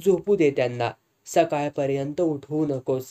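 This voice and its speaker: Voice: mid-range voice, unhurried, warm tone, natural voice. A narrator voicing a firm, defiant young nurse. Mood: calm. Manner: firm, commanding.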